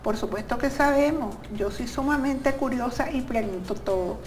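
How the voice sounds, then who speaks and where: A woman's voice: sits high, moderate pace, darkish tone, soft background music, rough recording. A woman in her sixties from Venezuela with a Venezuelan accent, answering earnestly as a guest in a studio interview on a lapel mic. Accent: Venezuelan Spanish. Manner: earnest, explanatory, starts with "a ver". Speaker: interview guest, spiritual channeler. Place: TV studio with green backdrop.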